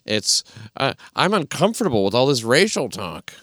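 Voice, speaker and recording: A man's voice: mid-range voice, sing-song, a bit bright, no room sound, clean studio sound. A man co-hosting a comedy podcast, talking with sarcastic, mocking commentary and frequent restarts. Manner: sardonic, mocking, halting restarts. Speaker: podcast co-host.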